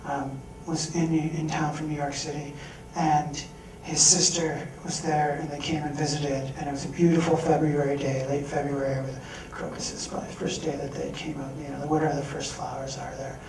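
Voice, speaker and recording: A young man speaking at a fundraiser in an event hall shares a frank story from his own life, performing the voices of those he quotes. His fairly high voice shows little pitch movement at a moderate pace, and the echoey recording is distant.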